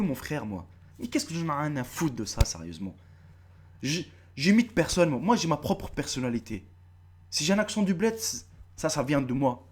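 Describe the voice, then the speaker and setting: Slightly high-voiced, a thirty-something YouTuber with a North African French accent addresses his audience directly in a laid-back vlog to camera. He's animated, swears freely, and keeps repeating himself.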